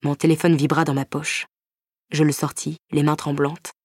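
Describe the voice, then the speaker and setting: A woman narrates a first-person romance novel in a low, even voice. Her reading is measured and intimate, carrying quiet tension. The close, dry studio sound leaves no room echo. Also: slightly rough. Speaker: audiobook narrator.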